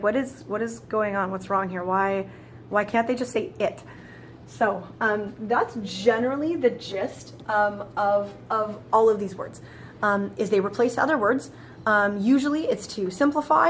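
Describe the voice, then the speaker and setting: A woman's voice: medium pitch, slight background noise. A woman explaining grammar in a casual, chatty lesson, often restarting phrases and walking through it step by step. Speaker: French teacher.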